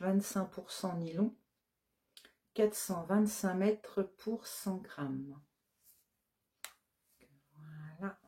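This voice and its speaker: A woman's voice: on the low side, warm tone. A woman who runs a yarn shop, casually showing her new colorways on camera, listing the colors one by one with many hesitant fillers. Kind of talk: casual product show-and-tell.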